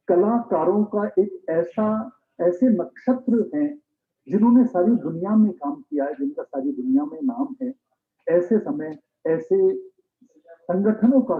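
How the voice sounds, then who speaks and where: A man speaking earnestly and formally as host of an arts event, on an echoey, phone-quality recording. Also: high-pitched. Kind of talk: formal address.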